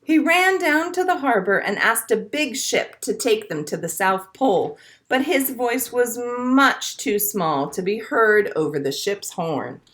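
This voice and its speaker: This children's storytime librarian has a slightly high, fairly bright voice with lively intonation, moving unhurriedly with few pauses. She reads a picture book expressively to young children, breaking for songs and asides and speaking to them in a simple, encouraging way.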